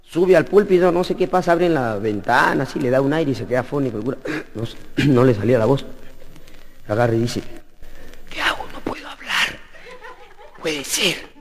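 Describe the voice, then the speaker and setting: A man telling jokes as a stand-up comedian, animated and chuckling. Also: mid-range voice, quick pace, in a large hall, a little hiss or hum. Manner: animated, jumps into voices, chuckles. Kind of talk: joke telling to an audience.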